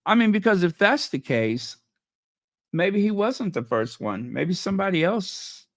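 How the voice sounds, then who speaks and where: Hosting a casual livestream chat, a man with a high, sing-song voice speaks a little slowly and keeps losing his voice. He throws in sarcastic, mocking asides. The studio sound is clean, with no echo.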